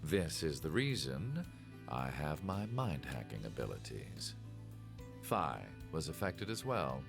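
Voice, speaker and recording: Deep, gravelly old villain, monologuing slowly. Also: male voice, very animated, over music, heavily acted. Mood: calm, cryptic. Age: older. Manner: slow villain monologue, deliberate and theatrical. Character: scheming old male villain, calm, smug, explaining his plot. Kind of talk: video game voice acting.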